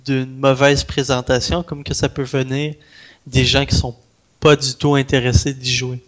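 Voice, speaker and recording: A man's voice: medium pitch, level tone, moderate pace. A man with a Québécois French accent, talking casually as an interviewee about his own work. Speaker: interviewee, independent game developer. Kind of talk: casual conversation.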